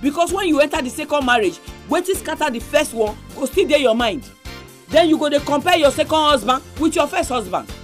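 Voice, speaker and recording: A woman's voice: sits high, expressive, brisk. Nigerian Pidgin-speaking woman presenting, over music. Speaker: radio programme host.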